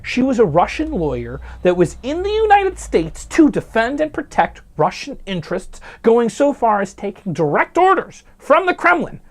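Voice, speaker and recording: A man's voice: very high voice, wildly swooping pitch, normal speed, few pauses. A man hosting a news commentary show, delivering headlines with snarky, jokey asides.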